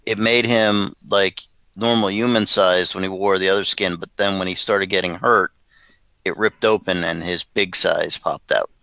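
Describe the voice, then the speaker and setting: A man's voice: sits low, steady tone, moderate pace, creaky, bright, forceful tone, smooth, dry recording, low-quality recording. A man playing a tabletop game, asking questions and explaining in casual chat. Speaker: player.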